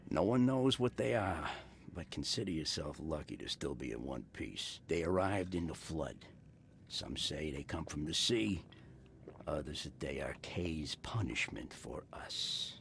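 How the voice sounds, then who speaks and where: Seedy tavern barkeep, game character, extremely low pitch, gravelly, gruff, sardonic, guarded. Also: male voice, animated, a little slow, fairly bright tone, a little hiss or hum, full character voice. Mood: sardonic, ominous. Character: gruff, wary male bartender of a seedy tavern. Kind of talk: video game character dialogue.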